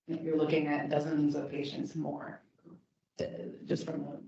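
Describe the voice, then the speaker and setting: A man comments on a panel with very even intonation. He sounds far from the microphone in an echoey room, with dull audio. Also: on the high side, normal speed, gravelly.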